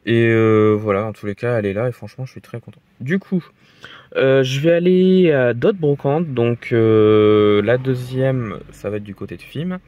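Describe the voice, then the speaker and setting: Halting French vlogger, filler-heavy. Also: male voice, mid-range voice, dry recording, muffled recording. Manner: halting, filler-heavy, repeats "très, très" and "voilà". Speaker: vlogger showing model car finds. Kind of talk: casual vlog commentary. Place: flea markets and indoors at home.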